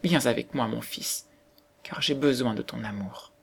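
Brief: man reading as a sorrowful beggar mother, soft and pleading, gravelly and hushed. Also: mid-range voice, measured pace.

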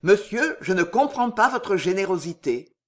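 A man's voice: sits high, big pitch swings, moderate pace, a bit bright. A man voicing a humble prison concierge in a storybook reading, deferential and astonished. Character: humble old male prison concierge, awed and eager.

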